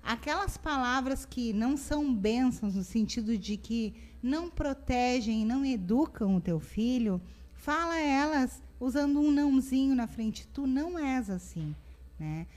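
A woman talks through parenting advice as a family therapist. Her voice sits high, and she slips into quick little voices for parents and children. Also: lively intonation. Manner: warm explanatory, acts out parent and child quotes. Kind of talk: casual talk-show advice.

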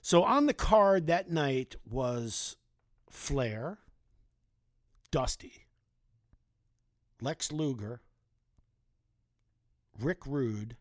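A man's voice: mid-range voice, expressive, extremely slow, pauses often, no echo, clean studio sound. A man in his forties telling casual, chatty anecdotes from his youth, talking loosely and swearing now and then. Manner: chatty, conversational, with mild swearing. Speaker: storyteller.

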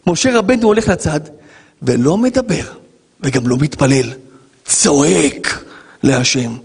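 A man, a rabbi giving an animated Torah lesson, dramatic and joking, acting out dialogues. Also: fairly high pitch, vocal fry, breathy edge, big-room sound. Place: yeshiva lesson hall.

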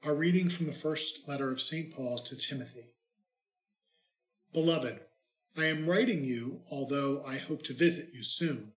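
A man, a priest, reads scripture and gives a homily in an unhurried way with light, self-mocking humor, his voice carrying a cathedral echo. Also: mid-range voice. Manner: plain, unhurried reading that turns to light, self-mocking storytelling. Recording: echoey church reverb.

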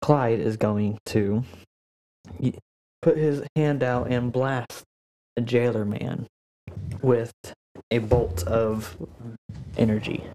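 A young man runs a tabletop game in a loose, joking way, with plenty of fillers as he narrates. His voice is mellow and relaxed. A faint hiss sits under the recording. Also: mid-range voice, slow, pauses often, poor audio. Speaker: game master.

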